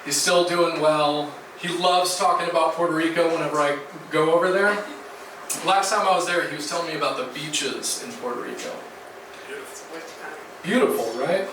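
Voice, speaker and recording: A man's voice: fairly high pitch, normal speed. Self-mocking male stand-up comic. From Jacksonville, Florida. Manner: self-deprecating, conversational punchlines. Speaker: stand-up comedian. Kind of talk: stand-up comedy set. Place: small comedy club, indoors. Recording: echoey room from far off, noisy.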